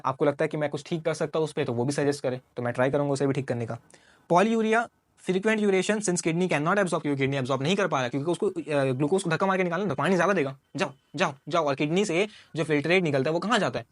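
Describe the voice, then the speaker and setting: Guy teaching a science class online, bit high voice, dry sound, keeps repeating stuff w simple examples. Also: dry recording. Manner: explains with everyday examples and repetition; addresses the viewer as "sir" and mixes in English terms.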